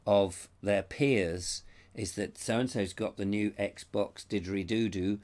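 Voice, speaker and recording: Hosting a live stream, a middle-aged Englishman reads viewer comments aloud in a rambling, chatty manner. His voice runs low, steady and slow with a darkish tone, yet it's strained and fading because of a cold. He is miked with a lapel mic.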